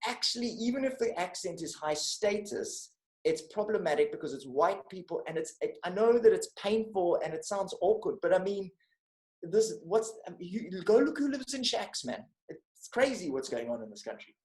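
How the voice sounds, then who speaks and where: A man's voice: high voice, lively intonation, moderate pace, darkish tone. A South African man, a guest comedian, talking through his arguments on a video-call podcast with frequent restarts. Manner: analytical, building arguments with restarts. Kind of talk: podcast conversation. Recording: roomy video-call audio.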